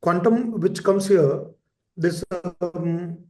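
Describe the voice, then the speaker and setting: A man's voice: high-pitched, slow, a little mellow. A man, teaching a lecture class and often repeating key terms and checking in with "right?". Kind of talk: lecture for exam preparation. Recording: echoey room.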